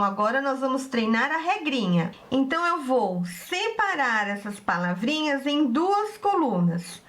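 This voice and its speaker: A woman teacher, giving an online grammar lesson and slowly spelling out word endings for her pupils. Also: high-pitched, fairly bright tone. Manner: slow, didactic, stretches out word endings, addresses pupils as "turminha".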